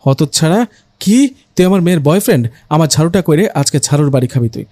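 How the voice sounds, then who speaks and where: A man voicing a hot-tempered middle-aged mother in a storybook reading, shrill and scolding. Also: animated, fast, darkish tone, no echo, studio quality.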